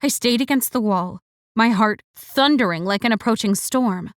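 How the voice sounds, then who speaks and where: A woman reads a first-person romance audiobook in a fairly high voice. Her delivery is expressive and wry. The recording is close and dry. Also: moderate pace, no room sound. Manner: expressive, wry inner monologue. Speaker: audiobook narrator.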